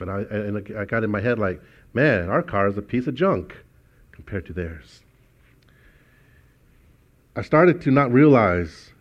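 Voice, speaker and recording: A man's voice: fairly low pitch, muffled recording. A man preaching a sermon as pastor, telling personal stories in a conversational way with frequent restarts.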